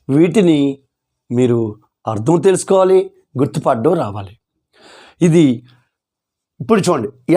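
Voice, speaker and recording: A man's voice: fairly high pitch, warm tone. A man teaching English grammar, repeating key terms and answering his own questions. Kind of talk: classroom-style grammar lesson.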